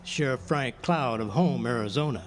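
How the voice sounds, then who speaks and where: An actor playing an affable small-town drunk in a radio drama, with a pompous, florid, theatrical delivery. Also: male voice, mid-range voice, normal speed, natural voice. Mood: wry, expounding. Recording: noisy live amphitheater stage recording.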